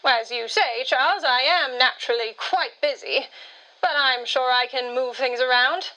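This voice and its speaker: Bright, high self-assured woman narrator. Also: moderate pace, poor audio. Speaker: storyteller. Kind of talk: radio drama narration.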